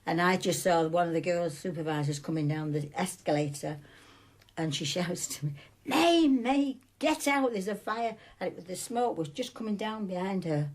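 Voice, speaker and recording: An older woman talks in a rambling, chatty way, as if telling a story over tea. Her voice sits a little low for a woman. She is being interviewed as a former shop supervisor. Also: fairly quick, a little mellow. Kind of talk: conversational interview recollection.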